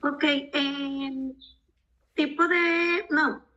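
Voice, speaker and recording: A woman's voice: sits high, fairly even intonation, extremely slow, sharp tone, lo-fi sound. A woman, a student answering hesitantly in an online class over a call. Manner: hesitant, unsure. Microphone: video call mic.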